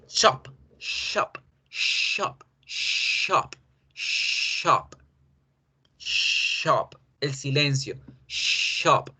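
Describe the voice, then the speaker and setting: A man teaching English pronunciation in an online lesson, drawing out each sound slowly as he models it. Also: medium pitch, a bit bright. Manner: slow, drawn-out modeling of sounds.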